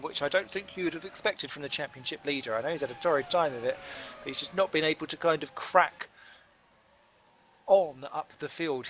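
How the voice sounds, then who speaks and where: Male race analyst, slightly high voice, wordy with dry wit, light background noise. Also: fairly bright tone. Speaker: sim racing commentator. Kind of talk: live race commentary.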